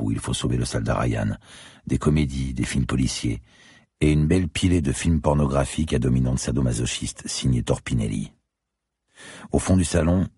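A man narrating a crime novel in the first person, wry and measured. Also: extremely low pitch, vocal fry, dark tone, breathy edge, no echo, clean studio sound. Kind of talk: audiobook narration.

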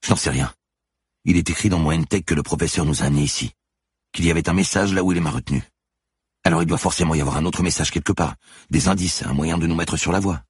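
Panicky young woman voiced by a man, frantic questions, husky, dry close sound. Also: extremely low pitch, fast talker, no echo, voice pushed up, heavily acted. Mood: anxious.

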